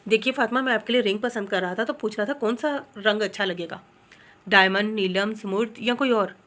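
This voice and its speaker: A woman's voice: mid-range voice, a little fast, fairly bright tone, close to an everyday voice. A woman voicing a playful young man shopping for his fiancée.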